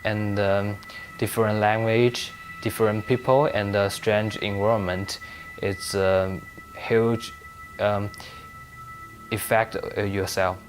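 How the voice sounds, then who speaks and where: Brief: young male student, lowish voice, halting, faint music behind. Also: level tone. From China. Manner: hesitant, many pauses and fillers.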